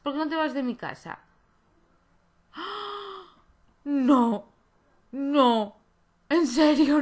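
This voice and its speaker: Chatty woman commenting a game. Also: a little high. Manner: chatty, exclaiming and scolding the game. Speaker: gaming YouTuber.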